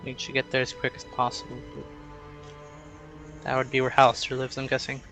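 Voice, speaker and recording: A man's voice: medium pitch, completely flat delivery, fairly quick, music in the background. A man playing in a tabletop role-playing game, thinking aloud casually and a little hesitantly. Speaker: player.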